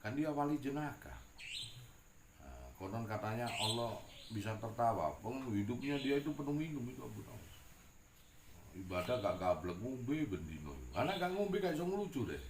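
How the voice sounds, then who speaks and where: Gravelly preacher telling a story. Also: male voice, medium pitch, moderate pace. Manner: animated and joking, mixing in local slang. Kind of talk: humorous sermon storytelling. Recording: echoey room with faint noise.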